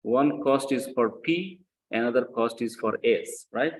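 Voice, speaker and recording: Speaking at a measured pace in a medium pitch, a man lectures on accounting, going through a worked example didactically. He repeats key points and frequently checks in with short questions, and the recording is rough.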